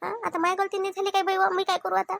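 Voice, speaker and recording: A woman's voice: extremely high pitch, little pitch movement, racing, gravelly, a bit bright, heavily acted. Woman voicing a meek, wronged village aunt. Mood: hurt. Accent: Vidarbha Marathi. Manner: pleading, self-defending. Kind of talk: cartoon family comedy.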